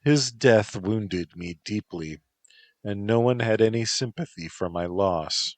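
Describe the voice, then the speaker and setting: A man's voice: on the low side, slow pace, no room sound. A man voicing a proud, grieving female spirit who rules a household, speaking solemnly, read as a storybook. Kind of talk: storybook narration.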